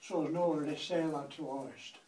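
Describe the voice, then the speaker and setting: With a warm, slightly high voice and fairly even intonation at normal speed, a Lancashire grandfather in his eighties delivers a comic verse monologue rhythmically and drily. The distant mic places him in an echoey room with faint noise.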